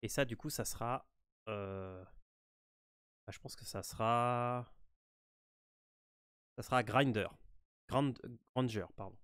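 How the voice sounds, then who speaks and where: A man's voice: medium pitch, fairly even intonation, slow, pauses often, a bit bright, clean tone, dry recording, clean studio sound. A man with a French accent giving a casual, hesitant game walkthrough full of fillers and restarts. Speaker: gaming walkthrough host.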